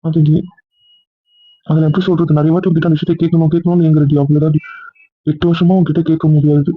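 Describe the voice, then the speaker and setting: A man's voice: on the high side, level tone, fast talker, close to an everyday voice. A man voicing an insecure young man who pleads and coaxes his partner again and again. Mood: pleading. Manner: pleading, coaxing, repetitive. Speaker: husband or boyfriend. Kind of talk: Tamil audio drama acting. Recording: tinny phone-like recording.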